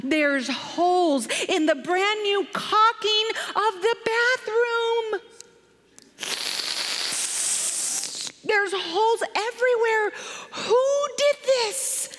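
Woman playing a shouting, upset dad. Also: very high-pitched, lively intonation, moderate pace, hardly any pauses, voice pushed up. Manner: loud, strained, exclamatory. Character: upset father, shouting and fretting. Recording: long church hall reverb.

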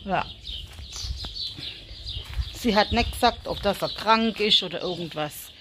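A German woman casually vlogs from a small farm, chatting and cooing at her animals and children. Her mid-range voice is unhurried, and faint farmyard noise, including chickens, can be heard.

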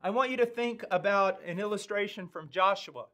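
Man, American accent, fifties, sermon, emphatic pauses, high-pitched, studio. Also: pushed and bright. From United States. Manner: slow, earnest, emphatic, with weighty pauses. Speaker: preacher. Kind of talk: sermon teaching. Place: studio with dark backdrop, indoors.

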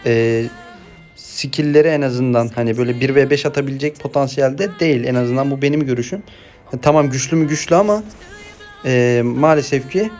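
Excitable young man doing gameplay commentary. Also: fairly high pitch. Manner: excitable, swings between chatty asides and shouted play-by-play. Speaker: gameplay streamer.

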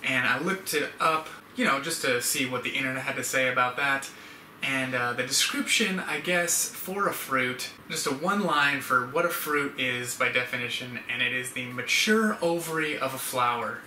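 This young adult YouTube channel host speaks at a moderate pace in a medium-pitched, bright, forceful voice. He stands indoors at home, chatting casually and rambling to camera, recorded by a distant mic in an echoey room with background hiss.

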